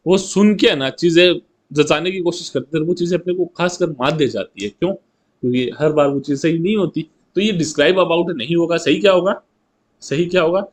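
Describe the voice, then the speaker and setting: A man teaching an exam-prep grammar lesson, chatty, asking rhetorical questions and reading example sentences slowly. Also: high voice.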